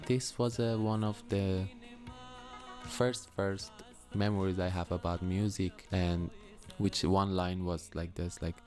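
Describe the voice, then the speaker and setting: Man, thirties, hesitant English, unhurried, soft music behind. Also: sits low, level tone. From Iran. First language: Farsi. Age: 30s. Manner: hesitant non-native English with fillers and restarts. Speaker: interviewee, musician. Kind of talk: personal storytelling.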